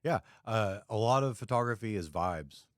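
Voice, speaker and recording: A man's voice: fairly low pitch, animated, moderate pace, no room sound, clean studio sound. A man hosting a podcast, chatting casually in a laid-back, rambling way full of fillers. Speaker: podcast host, photographer. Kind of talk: casual chat.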